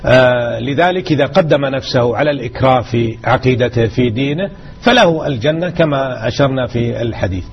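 A man's voice: mid-range voice, fairly quick, lo-fi sound, slight background noise. A man teaching a religious lesson on radio, exhorting his listeners and repeating key words. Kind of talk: explaining a hadith lesson.

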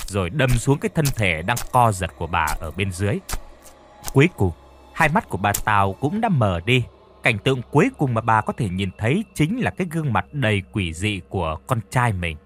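A man narrating a horror story in a dramatic, expressive storytelling manner. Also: on the low side, moderate pace.

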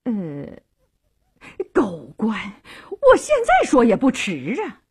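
A woman voicing a haughty, imperious noblewoman who talks in a shrill, scolding way, in a traditional storytelling broadcast. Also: very animated, slow pace, fairly bright tone, full character voice. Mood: imperious, angry.

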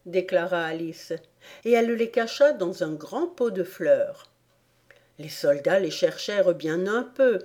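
Slow, mellow woman reading a storybook. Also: lowish voice. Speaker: audiobook reader. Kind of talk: storybook narration.

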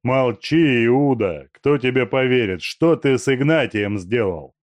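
Male reader as a calm stern detective in a storybook, dry close voice. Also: medium pitch, unhurried, no room sound, voice pushed up, natural voice.

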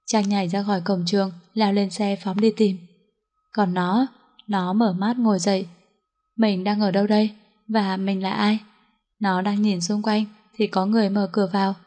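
Flat-voiced woman narrating a story. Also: mid-range voice, moderate pace. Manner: reads all characters in one even voice. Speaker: audiobook narrator.

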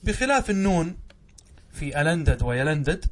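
Man, grammar teacher, lesson, slightly high voice, rhetorical questions, drawn-out words. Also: big pitch swings. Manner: asks questions and answers them himself, drawing out words. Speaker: Islamic scholar teaching Arabic grammar. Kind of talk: classroom lesson.

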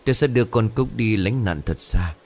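A man voicing a desperate middle-aged village chief and worried father, in a deep, earnest, pleading tone. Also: expressive, brisk, darkish tone.

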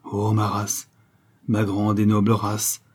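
A man's voice: fairly low pitch, completely flat delivery, slow, slightly rough. A man reading aloud, voicing an older, solemn duke who is a proud father. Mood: sorrowful. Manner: solemn, grave.

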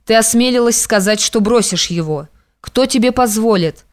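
A woman's voice: fairly high pitch, moderate pace, lightly acted. A woman reading an audiobook, voicing a stern, domineering young man who speaks harshly and commandingly.

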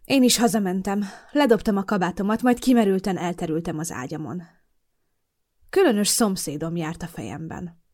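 A woman narrating a first-person audiobook with an expressive storytelling delivery. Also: lowish voice.

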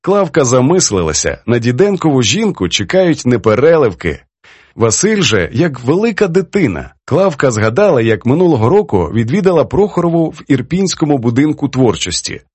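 A man narrating an audiobook with an expressive reading. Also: mid-range voice, normal speed, husky, no echo. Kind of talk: scripted narration.

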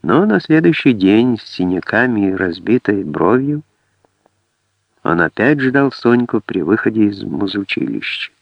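A man reading an audiobook in a measured storytelling manner. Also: fairly low pitch, big pitch swings, vocal fry, no echo. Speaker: audiobook narrator. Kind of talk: scripted narration. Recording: dry, dull lo-fi audiobook.

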